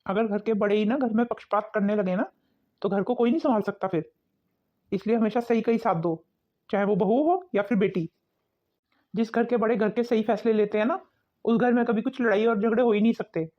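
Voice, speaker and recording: A woman's voice: mid-range voice, fairly even intonation, a little fast, natural voice. Woman voicing a cartoon father-in-law, older, fair, advising, muffled recording. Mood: calm. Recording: dull lo-fi recording.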